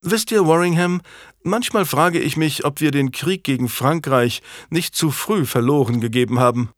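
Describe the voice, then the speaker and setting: A man voicing a genial, self-assured young English king in an audiobook, speaking in a lively, smiling way. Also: on the high side, normal speed, no echo, clean studio sound, pitched above the performer's own voice, close to an everyday voice. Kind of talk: audiobook character voice.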